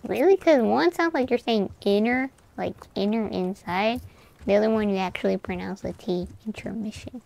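A woman's voice: mid-range voice, normal speed, creaky, a little mellow, slight background noise. A woman co-hosting a gaming video, bantering playfully in casual chat. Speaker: gaming co-host.

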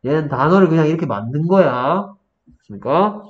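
A man teaching an English vocabulary lesson to a student in a small room, explaining step by step and quizzing with quick questions. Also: fairly high pitch, lively intonation. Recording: dull lo-fi room recording, faint noise.

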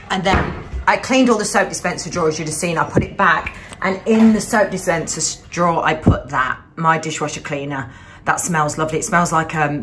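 A young woman chatting casually to camera as a cleaning vlogger, excitable and full of fillers. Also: on the low side, noisy background.

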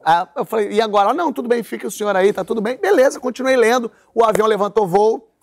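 A Brazilian man in his forties, hosting a talk show, narrates a funny mishap with lots of energy. His voice sits fairly high, and he slips in brief impressions of the people in the story. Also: quick pace, creaky. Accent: Brazilian Portuguese. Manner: animated anecdote telling with voiced characters. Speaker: host.

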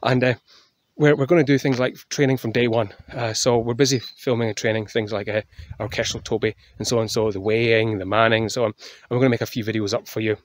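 A man's voice: medium pitch, fairly even intonation, fast talker, dry recording. A man, out of breath, filming a rambling off-the-cuff vlog on his phone while walking outdoors. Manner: rambling, many filler "uh"s. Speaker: falconer, channel host. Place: outdoors on a hill walk. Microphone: phone camera.

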